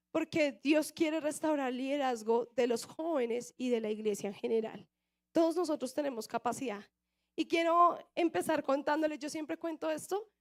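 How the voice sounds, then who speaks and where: A young woman with a Colombian Bogotá accent preaching a sermon and telling her own testimony, often asking the audience questions. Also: high-pitched. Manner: lively storyteller, asks the audience questions. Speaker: youth preacher.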